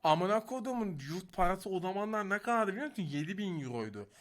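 A man's voice: high-pitched, quick pace. A man in his twenties casually reacting to a video, joking and swearing often. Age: 20s. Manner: foul-mouthed, swears often; animated, joking.

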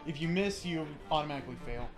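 A man's voice: fairly high pitch, expressive, fast, soft background music. A young man hosting a let's play, joking and swearing freely in casual commentary.

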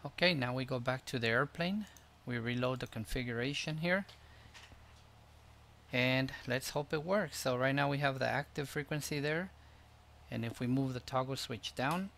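Man calmly walking through a software tutorial. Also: medium pitch, normal speed, vocal fry, slight background noise. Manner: relaxed step-by-step explaining with fillers. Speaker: tutorial host. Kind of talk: screen-recorded software tutorial.

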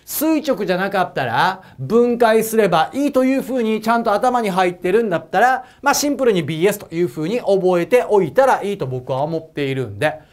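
A man with an Osaka accent gives a physics exam lecture in a chatty, joking way. His voice moves lively up and down as he asks viewers questions and laughs at his own asides. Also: high-pitched, a little fast, few pauses. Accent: Osaka Japanese. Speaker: prep school physics teacher. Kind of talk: whiteboard lecture to camera.

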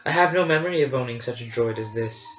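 A man voicing a wise, gentle old hermit knight in measured verse. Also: medium pitch, background noise, close to an everyday voice. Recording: roomy, slightly dull, faint music.

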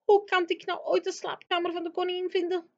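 Woman doing the GVR, a gentle bumbling giant. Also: extremely high pitch, flat delivery, voice pushed up. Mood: amazed. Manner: slow, odd grammar, in a hushed tone. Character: big friendly male giant, gentle, mangling his words. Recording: dull lo-fi recording.

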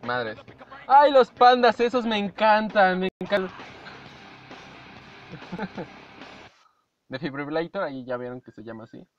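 A man's voice: a little high, expressive, a little slow, pauses often. A young Mexican man reacting to videos in casual, playful chat, humming and mimicking tunes as he goes. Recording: dull lo-fi audio with faint music.

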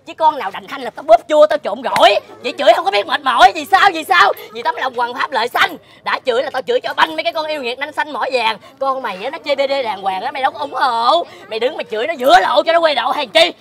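A fierce rhyming curser. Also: female voice, high-pitched, expressive, gravelly, exaggerated voice. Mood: scathing, mocking. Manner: rapid rhyming insult tirade, loud and scolding. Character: sharp-tongued rural Vietnamese woman, fierce curser. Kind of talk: comedic web drama acting.

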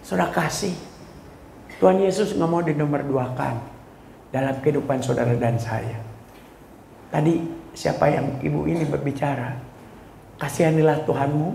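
A male pastor preaching a sermon with a personal testimony. He preaches with emotion, builds to loud exhortation and drops English phrases into his talk. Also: mid-range voice, creaky, roomy sound, a little hiss or hum, poor audio. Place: church hall.

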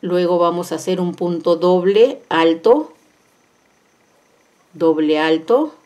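A woman's voice: lowish voice, slow pace, warm tone. A woman teaching crochet step by step, counting stitches aloud and repeating each instruction. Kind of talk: step-by-step craft tutorial. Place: indoors at a craft table.

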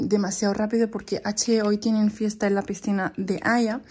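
A woman's voice: mid-range voice, dark tone. A young woman vlogging at home, chatting casually to camera in a rambling way with many restarts.

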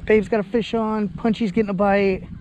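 An upbeat fishing vlogger with a high voice narrates a casual outdoor vlog from a lakeshore, chatty and laughing often. His tone is level and a little mellow at a moderate pace. A body-worn action camera picks up wind and ambient outdoor noise.

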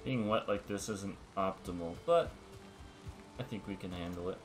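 A man hosting a let's-play, explaining game mechanics step by step in a relaxed, casual way. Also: low voice, normal speed. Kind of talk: casual gameplay commentary. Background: background music.

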